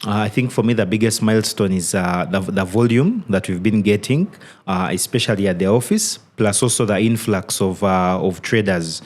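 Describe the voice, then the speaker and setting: Slightly low-voiced male trading educator. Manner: thoughtful, halting with restarts and "you know". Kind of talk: casual podcast interview.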